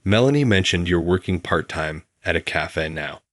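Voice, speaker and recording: A man voicing a kind, humble older woman who speaks softly in a story. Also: low-pitched, lively intonation, normal speed, no room sound, studio quality. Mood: gentle. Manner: soft, gentle speech.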